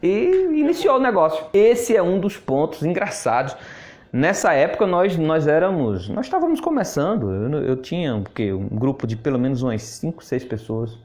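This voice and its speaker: A man's voice: on the high side, big pitch swings, normal speed, a little mellow. A man, a network marketing mentor telling a story in a casual, chatty way, often laughing and repeating words. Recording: echoey room.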